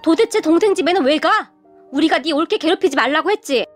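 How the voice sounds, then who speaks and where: A woman voicing a sharp-tongued older mother-in-law who scolds her daughter. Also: very high-pitched, lively intonation, fast, faint music behind. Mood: scolding. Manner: scolding, sighing.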